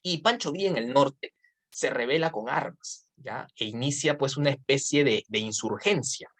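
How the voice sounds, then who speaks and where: Chatty Peruvian history tutor, low voice. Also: female voice, moderate pace. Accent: Peruvian Spanish. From Peru. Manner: chatty, with tag questions. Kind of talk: online exam-prep lecture.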